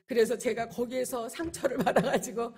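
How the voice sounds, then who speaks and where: Middle-aged lady pastor preaching, bit husky, highish voice, gets fired up. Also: fairly even intonation, fairly quick, a little mellow. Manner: impassioned preaching with acted-out quotes. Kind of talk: sermon.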